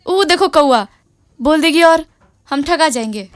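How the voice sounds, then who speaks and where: A woman's voice: high-pitched, animated, measured pace, dry recording, clean studio sound. An actress playing an earnest young village woman who speaks in rustic dialect. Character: determined village girl grown into art teacher.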